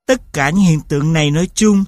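A man reading a scripted linguistics lecture, spelling out sounds and example words one at a time in a slow, measured way. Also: on the high side, a little mellow, no echo, studio quality.

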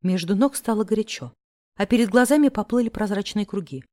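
A woman narrating a first-person novel chapter in a sardonic, lively way. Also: medium pitch, a little fast, no room sound, clean studio sound. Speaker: audiobook narrator.

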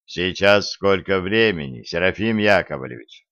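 Man playing eerie alien stranger, slow, quiet, low, measured, dry dull audiobook recording. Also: expressive, no room sound, heavily acted. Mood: calm. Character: cold, eerie male visitor from space.

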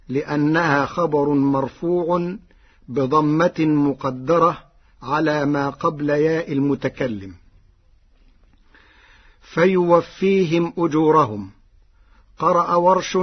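A man giving a radio lesson on Quran recitation variants, calm and deliberate, chanting each example phrase. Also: fairly high pitch, slightly rough. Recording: dull lo-fi radio recording.

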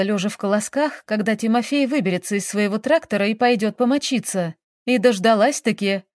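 A woman reads a village tale aloud in a calm, even storytelling voice. Her pitch sits in the middle range, and the sound is dry and close to the mic. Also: no room sound. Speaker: narrator. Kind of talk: audiobook storytelling.

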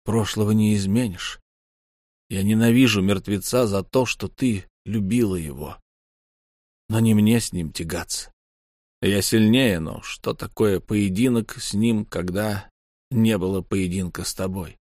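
A male audiobook reader playing a brooding, tormented warrior husband who speaks low and grim. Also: measured pace, a little mellow, no echo, studio quality.

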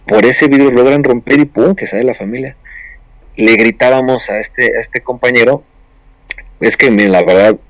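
A man's voice: medium pitch, normal speed, fairly bright tone, no room sound. A man casually recounting a story on a paranormal talk show, rambling with many restarts.

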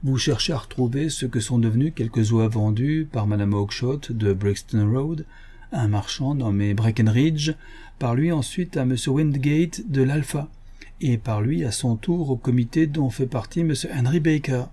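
Sherlock Holmes, a man reading smooth and suave. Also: medium pitch, moderate pace, warm tone, close to an everyday voice. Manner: smooth, courteous. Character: shrewd, suave male detective. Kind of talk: audiobook reading.

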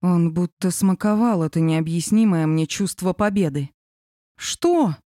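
A woman narrating a novel in the first person, with an expressive reading. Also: fairly low pitch, normal speed, dry recording, clean studio sound. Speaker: audiobook narrator.

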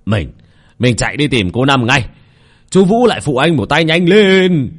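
A man voicing a panicked middle-aged village husband who shouts urgent orders. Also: mid-range voice, big pitch swings, a little slow, voice pushed up.

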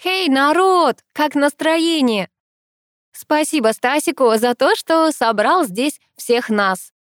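A bubbly young woman hypes up a party crowd, drawing out her words with exaggerated cheer, voiced by a woman reading the story. Her voice sits high, and the recording is dry and close. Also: expressive, dry recording. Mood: upbeat. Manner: drawn-out, hyped-up calls.

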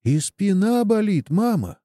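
A man voicing a small sick boy who pleads in a high, childlike way. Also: sing-song, measured pace, mellow, dry recording, clean studio sound. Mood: feverish, weak. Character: small sick boy longing for his father.

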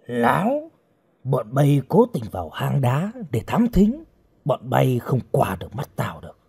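A man voicing a brutal wanted outlaw interrogating a captive, talking in a low, gruff, threatening growl. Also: wildly swooping pitch, a little slow, a little mellow, heavily acted.

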